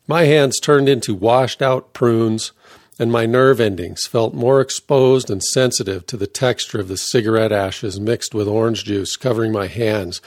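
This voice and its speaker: A man's voice: on the low side, no echo. Man reading a memoir, dry close sound. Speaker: narrator. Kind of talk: reading a first-person memoir aloud.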